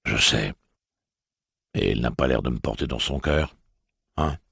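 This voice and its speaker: A man's voice: a little slow, creaky, fairly bright tone, breathy edge, dry recording, studio quality, heavily acted. A man voicing a sick, exhausted gunslinger in an audiobook, with short, tired replies. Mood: weary. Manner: terse, low, tired. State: ill, exhausted. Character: feverish, worn-out gunslinger man, terse. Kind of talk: audiobook character voice.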